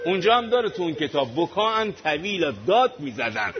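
A man's voice: sits high, very animated, highs cut off, noisy background. A man preaching an impassioned mourning sermon, his voice breaking into weeping and wailing.

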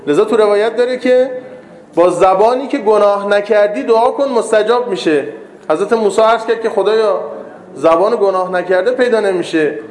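A man's voice: high-pitched, a little mellow. Echoey male preacher telling stories. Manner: storytelling, voicing quoted characters, rhetorical questions. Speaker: cleric giving a religious lesson. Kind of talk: sermon with anecdotes.

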